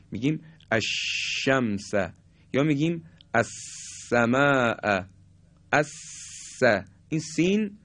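A man teaching a lesson on how letters are pronounced, speaking deliberately and politely and sounding out examples aloud. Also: medium pitch. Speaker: Quran recitation teacher. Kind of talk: explanatory lesson on letter articulation.

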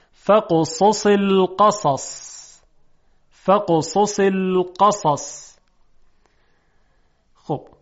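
A man teaching Quranic letter pronunciation. He explains quickly, then says each example word slowly and clearly twice. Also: fairly high pitch, highs cut off. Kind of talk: pronunciation lesson with slow drawn-out examples.

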